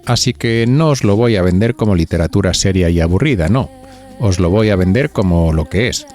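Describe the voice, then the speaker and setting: A man with a deep, darkish voice and a Spanish accent hosts a podcast, talking fairly quickly. He narrates scripted gossip in a chatty, playful, confiding way straight to his listeners, with soft music behind him.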